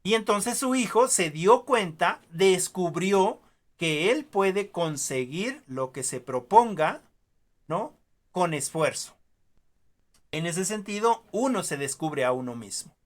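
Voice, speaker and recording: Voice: medium pitch, expressive, slow pace. A teacher gives an online class, explaining through stories and examples, with many filler sounds and questioning tags.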